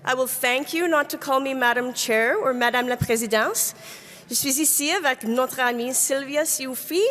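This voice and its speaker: A woman whose French carries an English-speaking accent co-chairs a convention, making bilingual announcements and reading policy in English and French with small stumbles. Her high, fairly bright voice comes a little slowly, with a bit of hiss or hum and the long reverb of a large convention hall.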